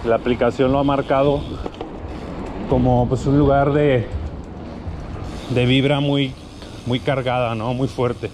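A Mexican man talks casually to his viewers in a mid-pitched voice as he explores at night. He is outdoors on city streets with an action camera on him. Clear street and vehicle noise runs behind his voice. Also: level tone, unhurried, pauses often. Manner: addresses viewers as friends, sprinkles in English swearing. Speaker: vlogger. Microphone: action camera worn on the body. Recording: noisy outdoor street and traffic ambience.

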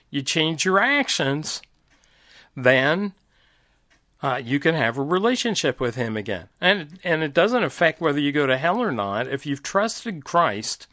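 Slow, lively middle-aged man teaching. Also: a little high, no room sound, studio quality. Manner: slow, deliberate, explanatory. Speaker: Bible teacher. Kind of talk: informal Bible teaching monologue.

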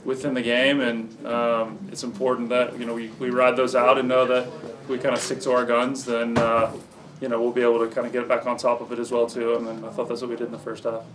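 Coach guy in his 30s, pretty flat delivery, mic a little far off with some room hum. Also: mid-range voice. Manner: measured, many fillers and restarts. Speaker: head coach. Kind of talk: postgame press conference answers. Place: indoor press room.

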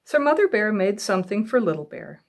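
A middle-aged woman, a library director doing storytime, reads a picture book to young children in a small room at home. Her mid-range voice swings widely in pitch at a slightly fast pace, expressive and full of questions for the listener.

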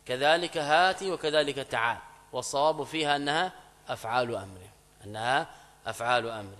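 A man teaching an Arabic grammar lesson in a mosque. He explains step by step, repeats key phrases, asks students checking questions, and reads quoted examples slowly and louder. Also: mid-range voice. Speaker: Islamic scholar teaching grammar. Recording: long mosque reverb.

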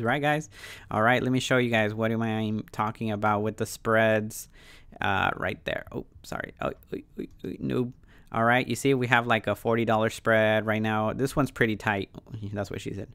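A man talks through trading charts like an excitable crypto bro. His voice is clean and smooth at an ordinary pitch, recorded close and dry. He speaks casually in slang, doubling up phrases to drive them home. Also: no room sound. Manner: repeats phrases for emphasis. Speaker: stock trading YouTuber.

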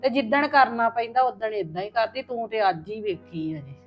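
A complaining mother-in-law, played by a woman, grumbling in a raised, wheedling tone. Her voice sits high and the recording sounds slightly dull. Soft music plays behind. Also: moderate pace, close to an everyday voice. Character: scheming mother-in-law complaining about daughter-in-law. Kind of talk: Punjabi family web drama.

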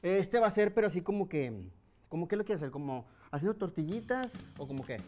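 A woman with a Mexican accent hosting a children's TV show in an animated, playful and teasing way. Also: on the low side, a little fast. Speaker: children's TV host.

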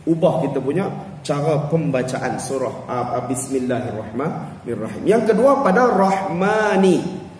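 A man with a Malaysian Malay accent teaching Quran recitation at an evening class in a prayer hall, explaining the rules and chanting verses slowly to show them. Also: fairly high pitch, darkish tone, a little hiss or hum. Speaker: religious teacher. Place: cold air-conditioned prayer hall. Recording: distant, echoey hall with long reverb.

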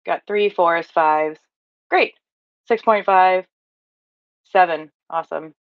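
Speaking slowly in a lowish voice, this Hawaiian workshop trainer in her thirties leads a cheerful online session from home, filling gaps with plenty of fillers as she reads out answers from the chat. The sound is dry, dull lo-fi video call audio picked up by a webcam or laptop microphone.

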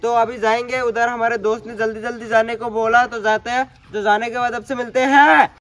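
A man's voice: very high-pitched, flat delivery, a little fast, fairly bright tone. A man hosting a casual vlog outdoors at a stadium site, chatting to viewers and calling them guys. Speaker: vlogger host.

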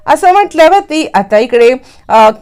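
A woman's voice: sits high, unhurried. A woman casually retells a TV serial episode, acting out the characters' lines as she goes. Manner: lively storytelling, acting out characters' lines in quotes. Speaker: serial recap narrator.

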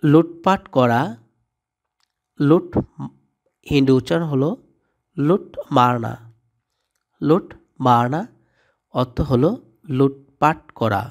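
Slow man calling out word pairs. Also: medium pitch. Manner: word by word, repeating each word pair. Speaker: language tutor. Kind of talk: vocabulary lesson.

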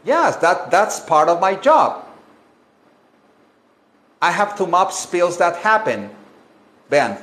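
Slow, patient male English teacher. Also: high-pitched, big pitch swings, fairly bright tone. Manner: repeats phrases slowly, explains in Spanish. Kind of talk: bilingual language lesson. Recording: echoey room.

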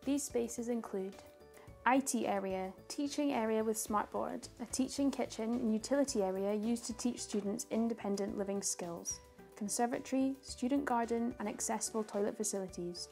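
A young woman narrates a guided tour in a fairly high voice. She is calm and informative, reading prepared lines clearly as a guide would. Music plays behind her. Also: normal speed. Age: young adult. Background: background music.

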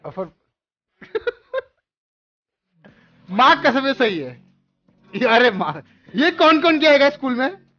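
A man's voice: very high-pitched, very animated, takes it slowly, long pauses, pushed and bright, lo-fi sound, soft background music. A young man from India reacting to memes, swearing and laughing in casual slang. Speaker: meme reviewer. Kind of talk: casual meme reaction commentary.

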